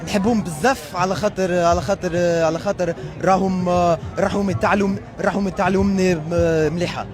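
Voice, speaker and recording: A young man with an American accent, a native English speaker, talking casually and haltingly in a street interview. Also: sits high, steady tone. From United States. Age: young adult. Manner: halting, searching for words. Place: busy city square outdoors. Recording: street crowd, faint music behind.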